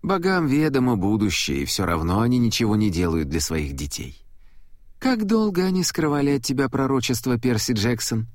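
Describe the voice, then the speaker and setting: A man's voice: medium pitch, sing-song, normal speed, dry recording, studio quality, natural voice. A man voicing a scheming male titan who taunts and tempts. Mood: taunting.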